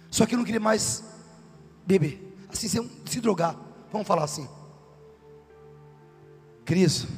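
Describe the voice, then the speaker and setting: Gravelly high-voiced man preaching. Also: in a large hall. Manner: emphatic, shouting at times, asks the congregation questions. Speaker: preacher giving testimony. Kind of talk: sermon testimony.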